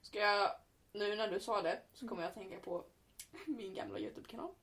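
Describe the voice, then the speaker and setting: A young woman chatting casually with her brother, laughing through her stories, swearing offhand and acting out shrill cries when she retells them. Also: vocal fry, fairly bright tone. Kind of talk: casual chat.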